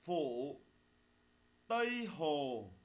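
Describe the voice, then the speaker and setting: A man teaching primary school, dictating a spelling lesson slowly, phrase by phrase. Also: fairly high pitch, sing-song. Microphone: voice-over recorded for a slide video.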